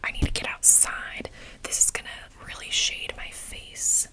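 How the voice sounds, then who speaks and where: A woman's voice: unhurried, poor audio. A young woman whispering a rambling, casual vlog chat full of fillers, close to the mic. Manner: whispering throughout, chatty and rambling with many fillers. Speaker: vlogger.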